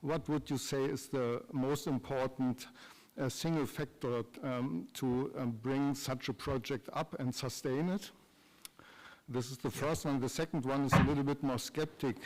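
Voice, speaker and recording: A man's voice: mid-range voice, steady tone, measured pace, a little mellow. Hesitant man in a reverberant hall. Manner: hesitant, many ums. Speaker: conference attendee asking questions.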